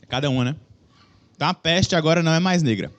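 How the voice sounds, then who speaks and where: A young man with a Brazilian accent giving a relaxed, joking sermon in a church hall, speaking into a microphone and asking the audience questions. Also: on the high side, fast talker, muffled recording. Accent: Brazilian Portuguese. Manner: chatty, joking, self-deprecating, addresses the audience with questions. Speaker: preacher. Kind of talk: casual conversational sermon. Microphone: microphone with a stage monitor.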